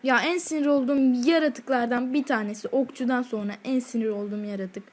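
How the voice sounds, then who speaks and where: High-voiced woman narrating her gameplay. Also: steady tone, a little fast. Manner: heated, swears at enemies while playing. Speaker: gaming channel host. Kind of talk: gameplay commentary.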